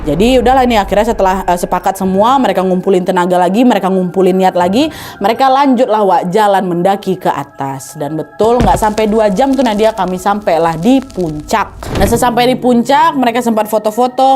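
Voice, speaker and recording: A woman casually telling a horror story to a friend, acting out the panicked shouts of the people in it. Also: medium pitch, a little fast, faint music behind. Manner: lively, animated, acts out the characters' panicked shouts.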